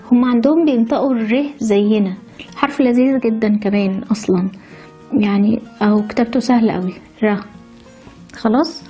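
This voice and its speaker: Teaching handwriting, a woman with an Egyptian Arabic accent shows how to form letters one step at a time and cheerfully adds chatty stories as she goes. Her voice is on the high side and a little mellow.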